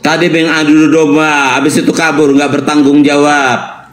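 A man's voice: fairly high pitch, flat delivery, moderate pace. A man in a live online debate who speaks with teasing, dismissive banter. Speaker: debate participant.

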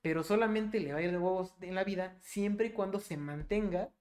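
A young man with a Mexican Spanish accent, a podcast co-host in casual chat, telling a story with lively, swear-filled animation. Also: high-pitched, brisk, slight background noise.

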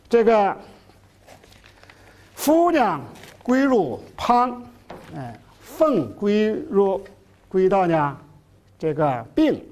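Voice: medium pitch, a little mellow. A middle-aged lecturer giving a classroom lecture, full of fillers, who repeats key phrases and stretches out terms for emphasis. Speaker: university lecturer.

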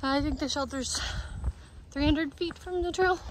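A woman hiker talking casually to her phone camera as she walks a forest trail, thinking aloud in a relaxed way. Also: high-pitched, measured pace, slight background noise, poor audio. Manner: relaxed, chatty, thinking aloud while walking. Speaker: long-distance hiker vlogging. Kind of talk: casual spoken trail diary.

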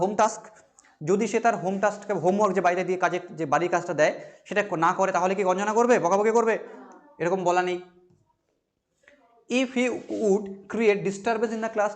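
High-voiced male teacher quizzing students. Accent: Bengali. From West Bengal, India. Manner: asks questions and answers them himself; reads English lines slowly, then explains. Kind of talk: exam-prep class lecture.

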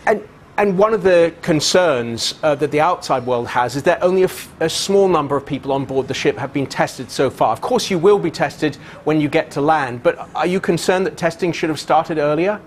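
A man presenting live TV news from a studio, asking brisk, polite questions. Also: a little high, a little hiss or hum.

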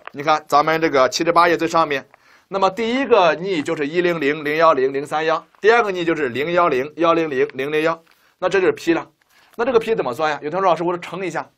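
A man's voice: a little high, a bit bright. Man teaching math with constant rhetorical questions. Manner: keeps asking rhetorical questions, talks students through steps. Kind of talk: chalkboard-style linear algebra lecture.

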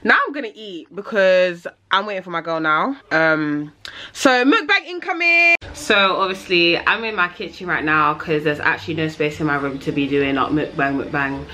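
A woman's voice: low-pitched, normal speed, hardly any pauses, bright, forceful tone. A young woman with a London accent chatting casually in a vlog, slangy and swearing freely. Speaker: vlogger. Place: home kitchen.

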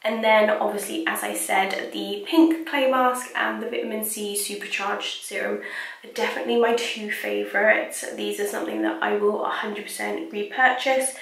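A woman's voice: mid-range voice, steady tone, moderate pace, creaky, fairly bright tone, recorded from a distance. A young woman reviewing skincare in loose, chatty vlog talk, full of "like" and "kind of". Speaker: beauty vlogger. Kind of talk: casual skincare review chat. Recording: echoey room, mic set back.

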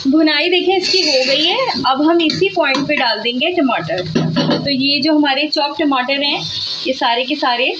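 A woman's voice: sits high, normal speed, muffled recording, very noisy. A woman from Pakistan with a Pakistani Urdu accent, explaining a recipe step by step in a chatty home-cooking style at her kitchen stove, filming on a handheld phone. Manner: chatty, step-by-step, repeats "theek hai". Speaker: cooking vlogger. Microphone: handheld phone camera.

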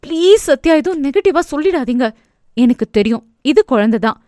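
An eager young wife in her late twenties, hopeful and pleading, as a woman reader puts her on. Her voice is high and bright, and the sound is dry and close to the mic. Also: expressive, normal speed, no room sound. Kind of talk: audio novel character voice.

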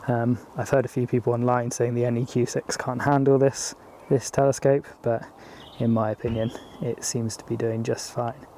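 A British man chats casually outdoors in his garden. His voice is gravelly and mellow, with an even, flat delivery full of hesitant ums. Clear background noise runs under the recording. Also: medium pitch, moderate pace, few pauses. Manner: relaxed, hesitant with frequent ums. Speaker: astrophotography YouTuber. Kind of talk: casual vlog talk to camera.

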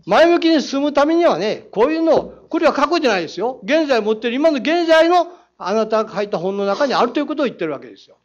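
A city council member with a Saga accent presses the mayor from the council floor, reading quotes aloud and throwing out rhetorical challenges in a combative tone. His voice is high for a man, very animated and quick, with hardly any pauses. The audio is a dull, muffled, lo-fi feed from the council chamber.

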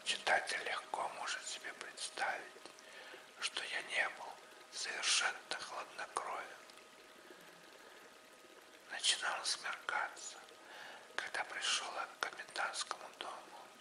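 A man's voice: measured pace, long pauses, sharp tone, reverberant. A man reading an audiobook as whispered ASMR narration, speaking very close, right in your ear. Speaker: audiobook reader.

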